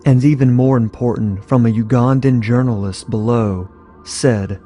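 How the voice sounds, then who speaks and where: A man reading a scripted voice-over in a measured, deliberate way. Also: mid-range voice, steady tone, mellow, faint music behind. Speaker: narrator.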